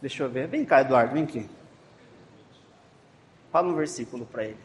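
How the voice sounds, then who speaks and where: A man's voice: medium pitch, expressive, brisk. A man teaching a children's Bible class, coaxing and encouraging them and repeating instructions. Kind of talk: leading a children's game. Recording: echoey room, faint background noise.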